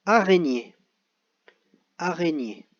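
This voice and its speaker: A man teaching young pupils, reading out exercises and saying each word slowly twice. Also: on the high side, animated. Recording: dull lo-fi audio.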